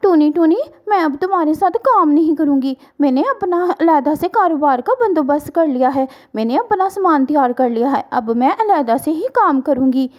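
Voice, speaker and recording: A woman's voice: high voice, animated, normal speed, few pauses, dull audio, voice pushed up. A woman voicing an eager, cunning young female bird in a storybook cartoon.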